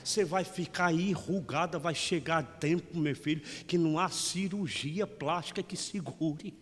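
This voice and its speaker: A man's voice: a little high, a little slow, slightly rough, long reverb tail. A man in his forties with a Brazilian Portuguese accent, a parish priest giving a folksy, teasing homily. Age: 40s. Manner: folksy, teasing, keeps saying "meu irmão". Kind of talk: lively humorous homily.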